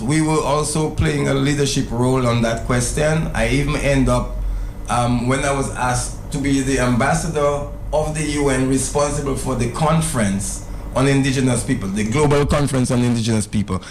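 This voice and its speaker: A man's voice: mid-range voice, slight background noise, poor audio. A middle-aged man, talking earnestly as a radio show guest and often restarting his phrases. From Dominica. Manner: earnest, repeats words when restarting, rising emphasis. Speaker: radio talk show guest, former UN ambassador. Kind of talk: casual radio interview. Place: radio studio.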